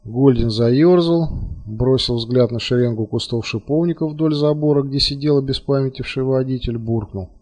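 A man reading a novel aloud in a steady, measured audiobook narration. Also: mid-range voice.

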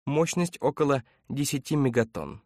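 A man voicing a calm, precise male android officer who speaks in a measured, clinical way. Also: medium pitch, no room sound, studio quality.

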